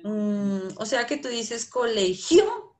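A woman's voice: a little high, measured pace, creaky. A woman, a primary school teacher patiently coaxing answers from children in an online class over a video call.

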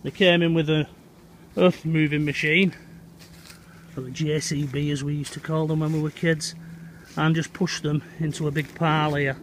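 Lancashire bloke in his 50s, vlogging on a phone out in the woods, chatty, voice sits a bit high. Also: flat delivery, normal speed, a little hiss or hum. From England. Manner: chatty, addresses viewers as "Hot Potters". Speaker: vlogger exploring old railway sites. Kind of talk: walking outdoor vlog to camera. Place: outdoors in winter woodland. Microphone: phone camera held at arm's length.

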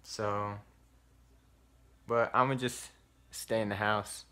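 A man plays a teenage boy of fifteen on a phone call, low-pitched for his age and answering in short, hesitant bits. The voice has a bright, forward edge. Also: flat delivery, takes it slowly, clear, resonant tone. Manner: hesitant, short replies with hums. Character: fifteen-year-old boy decoy, shy and laid-back. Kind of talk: phone call role-play.

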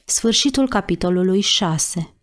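A woman narrating an audiobook chapter in a slow, measured reading voice. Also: mid-range voice, animated. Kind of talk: scripted narration.

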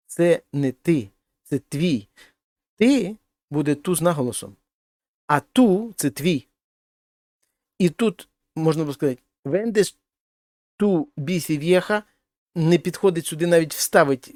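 Male language teacher, slightly higher voice, patient step-by-step grammar explanations, dry close recording. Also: darkish tone, no room sound. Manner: explains step by step, translating each example. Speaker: Spanish teacher.

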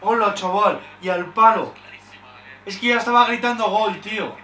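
A young man from Spain, speaking with a Spanish accent in a high-ish voice at normal speed, reacts to a live football match. He's frustrated, swears often, and shouts at big chances. The mic is distant and off-mic, with roomy echo and slight background noise.

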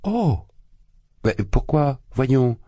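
A man's voice: mid-range voice, very animated, very slow, mellow, no echo, voice pushed up, heavily acted. A man voicing a sly, affable magistrate who talks with chatty, feigned good humor. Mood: jovial. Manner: jovial, chatty, feigned bonhomie. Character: affable sly middle-aged male magistrate.

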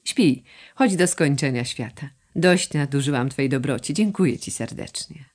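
A woman voicing a gracious young heiress in an audiobook, teasing and warm. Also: deep voice, animated, moderate pace.

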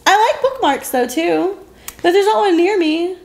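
A young adult woman co-hosts a podcast from a living room couch, chatting casually in an unbothered, matter-of-fact way. Her voice is extremely high and creaky, with lively intonation at a normal speed.

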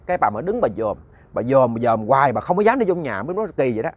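Animated male storyteller. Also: medium pitch, very fast. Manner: conversational, repeats words, addresses listeners as "cả nhà". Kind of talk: narrated ghost story.

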